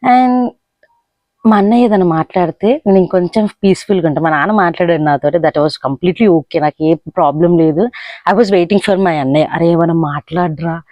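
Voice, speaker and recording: A young woman tells a story from her student life in a relaxed, chatty vlog. Her voice is dark and mellow. She is recorded close and dry, slipping English words and a friendly "bro" into her talk. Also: on the low side, normal speed, no echo. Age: young adult. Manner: chatty, mixing English into Telugu, fond of "like" and "bro". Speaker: vlogger. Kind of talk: casual storytelling.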